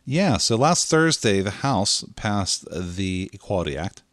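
Man, lowish voice, casual podcast chat, loose and filler-heavy, dry close sound. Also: measured pace, no room sound. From Pittsburgh area. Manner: relaxed, chatty, lots of fillers. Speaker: podcast co-host.

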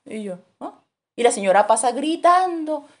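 A woman's voice: high voice, normal speed, heavy background noise. A woman teaching a Bible lesson, telling stories animatedly and acting out voices. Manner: animated storytelling, acts out voices in her anecdotes. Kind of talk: sermon teaching.

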